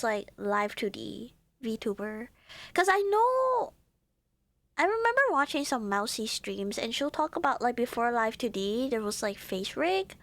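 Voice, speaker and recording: A woman's voice: high voice, fairly bright tone, dry recording. A woman streaming live in casual chat, giddy and rambling with lots of fillers, sounding congested.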